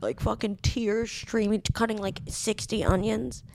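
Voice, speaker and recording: A young woman telling a story in casual chat, animated and swearing freely, with lots of "like". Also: mid-range voice, a little slow, gravelly.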